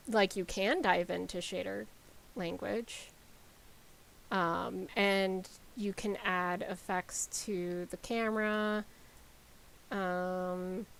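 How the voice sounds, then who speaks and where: A woman game developer talking casually on a live stream, rambling with lots of ums and likes as she explains software. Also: medium pitch, gravelly, clear, resonant tone, poor audio.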